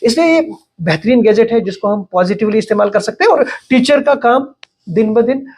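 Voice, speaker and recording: A man's voice: high voice, animated, a little fast, darkish tone. Middle-aged man, thoughtful and hesitant. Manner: thoughtful, hesitant with many fillers and restarts. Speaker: education expert guest. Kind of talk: podcast interview.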